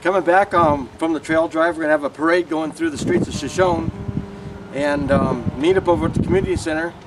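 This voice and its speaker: A man informally announcing an event as its organizer, in a halting way. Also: fairly high pitch, noisy background. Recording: distant mic, music behind. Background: plucked guitar music.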